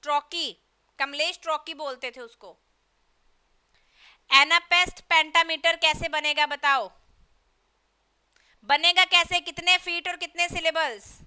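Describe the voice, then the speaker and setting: Lady teacher, high sharp voice, hurrying her students to answer. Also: steady tone. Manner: brisk, pushes students to answer quickly. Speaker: English literature teacher. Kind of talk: live online class, quizzing students.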